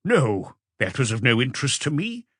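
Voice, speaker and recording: A man performs an audiobook witness, observant and sure of himself, giving precise, matter-of-fact answers. His mid-range voice is very animated, a bit bright with a breathy edge, at normal speed. Clean studio sound, no room sound.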